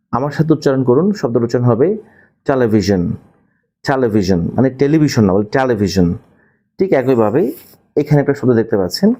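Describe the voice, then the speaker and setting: A man with a Bangladeshi Bengali accent giving a pronunciation lesson to camera, repeating key words slowly for learners. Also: mid-range voice, warm tone. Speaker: English teacher.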